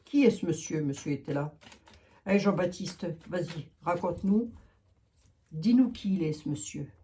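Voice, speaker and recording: A woman's voice: on the low side, animated, moderate pace, warm tone, slight background noise. Chatty woman doing a tarot reading. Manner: chatty, thinking aloud with many fillers. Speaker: tarot reader. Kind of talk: casual tarot reading to viewers.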